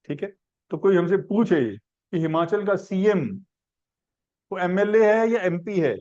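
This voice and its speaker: High-voiced man teaching a civics class. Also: animated, takes it slowly, mellow, muffled recording. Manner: questioning, explains step by step with simple examples. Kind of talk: classroom lecture.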